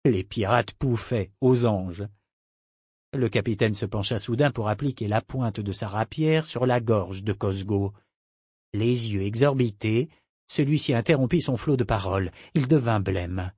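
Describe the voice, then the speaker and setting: Casting: male audiobook narrator, measured and expressive, dead-dry studio sound. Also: fairly low pitch, slightly rough, no room sound. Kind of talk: scripted narration.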